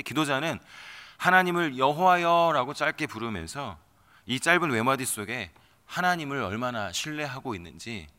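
A man's voice: medium pitch, sharp tone, long reverb tail. A man preaching a sermon, passionately voicing the anguished cries of a psalm and then explaining them. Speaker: pastor.

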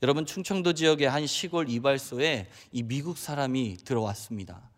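A man's voice: mid-range voice, brisk. A man from Chungcheong Province preaching a sermon, telling a humorous story and often addressing the congregation directly. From Chungcheong Province, Korea. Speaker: pastor. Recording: long hall reverb.

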